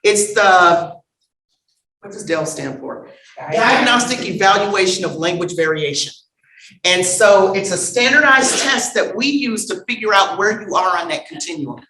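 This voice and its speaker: A woman giving a conference lecture, lively and humorous, bantering with the audience and calling for the next slide. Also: medium pitch, a little slow. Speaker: conference speaker. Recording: roomy hall sound.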